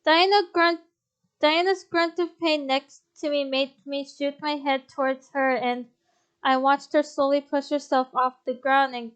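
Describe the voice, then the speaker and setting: High-voiced young woman reading a game aloud. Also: measured pace. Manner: expressive reading, blunt swearing asides. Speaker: game streamer. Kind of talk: reading a visual novel aloud.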